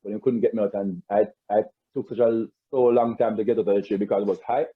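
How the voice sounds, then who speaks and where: A man with a Jamaican accent talks fast in a fairly low, fairly even voice with a slightly rough edge. As a guest in a casual interview over a video call, he rambles through stories about growing up, restarting often and repeating words. The call audio is tinny and phone-like, with no echo.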